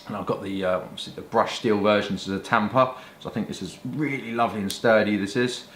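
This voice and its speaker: Low-voiced British man in a roomy space. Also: fairly even intonation, quick pace, a bit bright. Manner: rambling, colloquial, mild swearing. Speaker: pipe-smoking vlogger showing pipes and tobacco. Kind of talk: casual product chat to camera. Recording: roomy echo with faint background noise.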